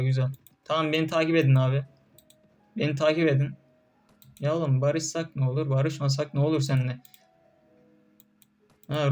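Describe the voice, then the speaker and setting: A man's voice: fairly high pitch, darkish tone. A young man doing casual gameplay commentary, often frustrated, cursing and barking orders at his troops. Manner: frustrated, swearing, talking to game troops.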